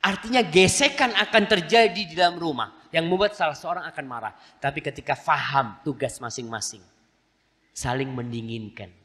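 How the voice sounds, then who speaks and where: A man's voice: on the high side, normal speed, in a large hall. A man preaching a sermon, telling stories animatedly and acting out the voices of the people in them, mixed in. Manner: animated storytelling, acts out quoted voices. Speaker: Islamic preacher.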